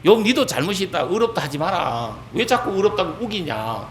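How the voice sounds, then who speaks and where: A man's voice: high voice, very animated, a little fast, a little hiss or hum. A man voicing an angry older biblical man who scolds his friends heatedly and emphatically. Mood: angry rebuke.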